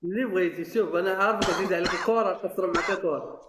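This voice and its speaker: A man's voice: high-pitched, racing, echoey room, over a noisy crowd. A man in his late thirties with a Moroccan accent, calling into a live stream, affectionate and pleading. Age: 30s. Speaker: caller.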